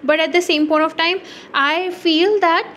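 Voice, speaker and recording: A young woman with an Indian English accent speaks in a high voice as she reads tarot cards. She rambles, pauses on fillers and sighs now and then. A faint hum sits under the recording. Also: fairly even intonation, fairly bright tone. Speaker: tarot reader. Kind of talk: tarot reading monologue.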